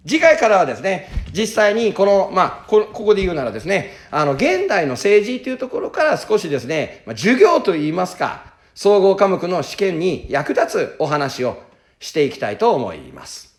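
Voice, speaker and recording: A man's voice: sits high, sing-song, normal speed. A man teaching to camera in a chatty, storytelling way, acting out quotes from his classroom. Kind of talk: casual lecture to camera. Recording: roomy echo.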